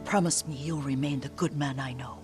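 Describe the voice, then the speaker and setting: Soft-voiced, devoted elderly servant woman. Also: very deep voice, fairly even intonation, fairly quick, music in the background. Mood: grave, gentle. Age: older. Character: gentle elderly female servant, devoted and wistful. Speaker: game voice actor. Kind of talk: dramatic video game dialogue.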